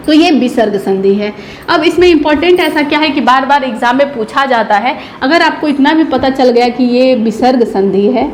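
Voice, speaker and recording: High-voiced woman teaching grammar. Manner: asks rhetorical questions and answers them, repeats key terms. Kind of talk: exam-prep lesson. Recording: echoey room, faint background noise.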